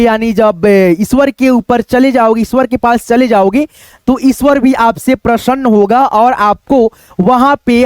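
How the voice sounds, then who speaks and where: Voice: medium pitch, darkish tone, dry recording, studio quality. A reading teacher, giving a chatty read-aloud lesson and drawing out syllables.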